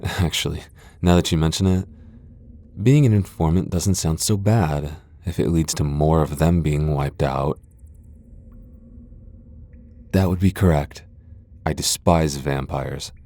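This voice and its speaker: In full character voice, a man portrays an ancient vampire lord for a fantasy ASMR audio roleplay, his very deep voice warm in tone and a little slow. The delivery drips with haughty, sardonic contempt, theatrical and mocking, like an immortal scorning the one who hears him.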